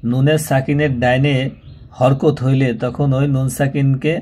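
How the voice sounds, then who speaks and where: A man's voice: medium pitch, level tone, mellow. A man giving a Quran reading lesson, spelling out each word and explaining pronunciation rules. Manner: slow drawn-out recitation alternating with plain explaining. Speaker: Quran recitation teacher.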